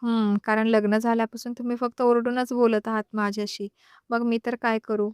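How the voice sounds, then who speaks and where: A woman's voice: on the high side, flat delivery, normal speed, a little mellow, smooth, no echo, studio quality, lightly acted. A woman voicing a cheeky, playful young wife in an audio story, talking back with teasing chatter.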